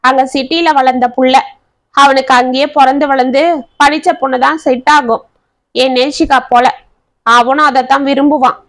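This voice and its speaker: A woman's voice: high voice, steady tone, moderate pace, fairly bright tone. A woman voicing a haughty, scornful middle-aged mother. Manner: scornful, complaining.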